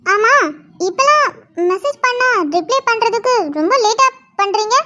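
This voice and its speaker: A shy young college girl in a cartoon answers bashfully, sometimes sulky. A woman acts her out. Her voice is very high, with a dull lo-fi sound. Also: moderate pace, pushed and bright. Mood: playful.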